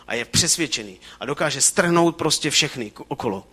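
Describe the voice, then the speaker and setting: Male preacher, sermon delivery, animated and fervent, bright tone, restarts mid-phrase. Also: mid-range voice, slightly rough.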